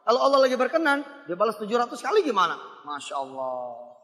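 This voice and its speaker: A man preaching a lively sermon, playfully calling out questions to his congregation. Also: very high voice, racing. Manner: animated, playful, calls out to the audience. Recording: long hall reverb.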